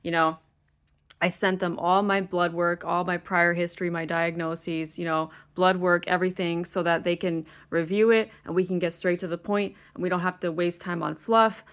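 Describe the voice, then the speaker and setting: An American woman rants to her camera, stressed and exasperated, swearing frequently as she vents. Her voice is lowish and clean, with level intonation and a normal pace.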